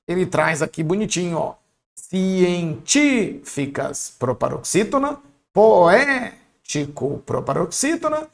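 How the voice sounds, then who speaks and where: A man teaching an online exam-prep lesson, speaking in a lively, colloquial and encouraging way and often checking in with his students. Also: sits high.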